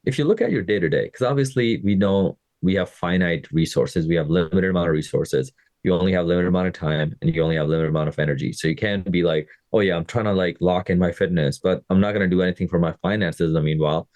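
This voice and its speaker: A man's voice: low-pitched, fast, darkish tone, no echo. A man in his thirties from Pakistan, a fitness coach and podcast host, talks to listeners in a casual, conversational way and often checks in with them. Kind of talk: casual motivational podcast monologue.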